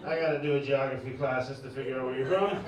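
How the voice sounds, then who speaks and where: Speaking quickly at a medium pitch, the stand-up comedian and DJ, originally from Iran, riffs loosely with his audience on a club stage and drops in asides. Crowd laughter and cheers are loud, the room echoes heavily, and the microphone is far off.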